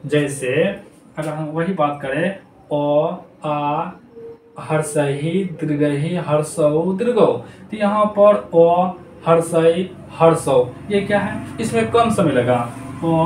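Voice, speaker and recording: Male grammar teacher, high voice, drills terms by repetition; distant mic, echoey room, faint background noise. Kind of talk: classroom lesson to children. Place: noisy room.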